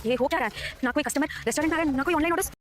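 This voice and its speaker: An actress playing a greedy, arrogant middle-aged restaurant owner in a melodramatic drama, bossy and scolding. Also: female voice, high-pitched, very fast, lightly acted. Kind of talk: melodramatic web-series acting. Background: background music.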